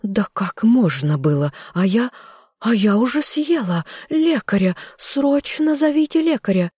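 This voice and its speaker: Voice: animated, measured pace, a little mellow, husky, no room sound, studio quality. A reader voicing a flustered noble aunt who wails and fusses dramatically, in an audiobook. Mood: hysterical. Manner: shrill, clucking, dramatic. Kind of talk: audiobook character voice.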